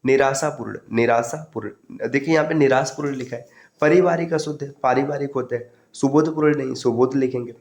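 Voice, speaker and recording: A man's voice: mid-range voice, fairly even intonation, fast talker, a little mellow. A male teacher giving an online exam-prep lesson, steadily drilling correct and incorrect word forms and addressing students as friends.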